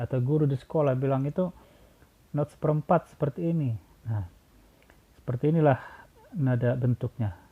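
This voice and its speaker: A man teaching a choir how to read number notation, explaining patiently, repeating himself and counting beats aloud. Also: medium pitch. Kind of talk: spoken music lesson, sung examples. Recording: tinny phone-like sound.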